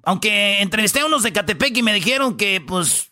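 Mexican radio guy, high and super bright voice, slangy and teasing. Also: animated, brisk. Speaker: radio show host. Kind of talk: joking radio countdown chat.

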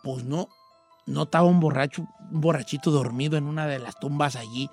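A man, hosting a radio show and telling an old joke with lively shouted voices. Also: fairly high pitch, fairly quick, faint music behind. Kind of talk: joking radio banter and storytelling.

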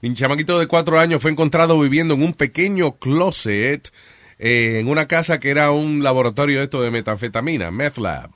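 A man's voice: fairly high pitch, a little fast, a bit bright, no echo. A man hosting a talk show, reading odd news stories in casual banter and switching between Spanish and English mid-sentence with offhand, wisecracking remarks.

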